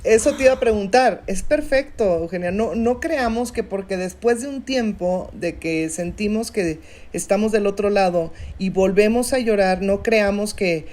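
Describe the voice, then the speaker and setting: Calm reassuring woman. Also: medium pitch, normal speed. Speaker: grief counselor guest. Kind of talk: podcast interview.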